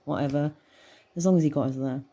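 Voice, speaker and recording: A woman reading a horror story aloud in a measured, tense storytelling manner. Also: low voice, fairly even intonation. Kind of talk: scripted horror narration. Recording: soft music bed under voice.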